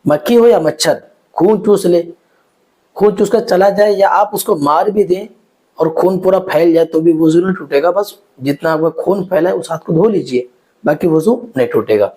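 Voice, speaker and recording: A man with a somewhat high, mellow voice teaches religious rules in a numbered list. He speaks to the viewer directly and repeats each point in simpler words. His delivery is steady and instructive. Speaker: Islamic teacher.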